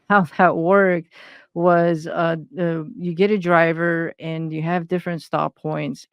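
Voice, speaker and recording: In a personal interview, an Iranian woman appearing as a guest intuitive consultant speaks hesitantly, full of fillers and restarts. Her voice is fairly low, and the recording has no room sound.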